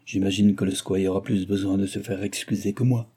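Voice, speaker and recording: A man reading an audiobook, voicing a calm, kindly young curate who speaks gently and half-playfully. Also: low voice, fairly quick, breathy edge. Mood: gentle.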